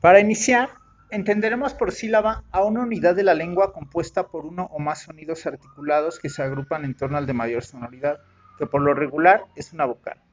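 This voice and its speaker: A man's voice: on the high side, fairly even intonation, a little fast, muffled recording. A man teaching in a methodical, explanatory way, with occasional slips and self-corrections. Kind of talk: recorded lesson explanation.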